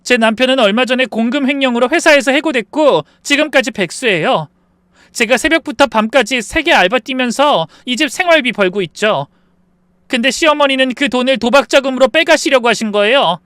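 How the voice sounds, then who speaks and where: A man voicing an angry young wife who shouts back and then firmly explains to the police. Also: very high-pitched, animated, fairly quick, smooth, dry recording, clean studio sound, pitched above the performer's own voice, full character voice. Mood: firm explaining. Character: angry young wife standing her ground.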